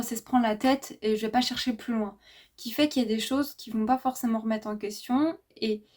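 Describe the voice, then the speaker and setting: Hesitant, reflective woman vlogger. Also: medium pitch. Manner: thoughtful, hesitant, many fillers and restarts. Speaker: spirituality vlogger. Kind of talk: casual reflective monologue.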